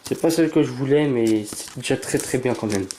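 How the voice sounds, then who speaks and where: Mellow-voiced man muttering through card openings. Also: a little fast, slight background noise. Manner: reads card names aloud, stammers, bursts into excited exclamations; holds back from shouting, keeps voice low at night. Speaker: YouTuber opening trading cards. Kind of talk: casual card-opening commentary.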